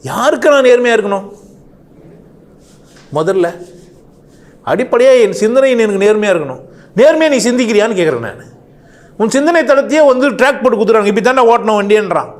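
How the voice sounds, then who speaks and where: A man's voice: very high voice, fairly quick, long pauses. A man delivering an impassioned monologue, firing off rhetorical questions and swinging his voice up and down sharply. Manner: animated, rhetorical questions, rising and falling sharply. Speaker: speaker.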